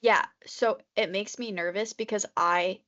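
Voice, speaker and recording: A woman's voice: mid-range voice, steady tone, a little slow, a bit bright. Rambling young woman, lo-fi podcast audio. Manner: rambling, constantly says "like", nervous chatter. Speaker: podcast co-host. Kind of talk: casual chat.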